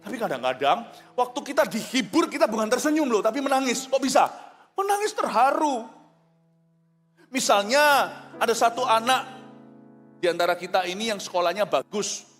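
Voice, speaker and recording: A high-voiced male pastor preaches with bouncing energy, teasing and quizzing his congregation. His voice rings out through a large hall with a long reverb tail. Faint music plays softly beneath him. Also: moderate pace, pauses often. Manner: animated, jokey, asks the crowd questions. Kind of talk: lively sermon to a congregation.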